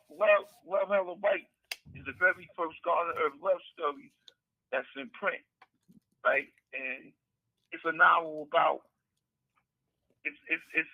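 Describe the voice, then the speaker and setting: A middle-aged man speaks over a prison phone call, his husky voice squeezed thin by the tinny handset line. He rambles and repeats himself in relaxed street slang as he tells his story. The sound is dry and close. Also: on the high side, no room sound. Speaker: interview guest, author. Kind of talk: casual storytelling interview. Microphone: prison telephone handset.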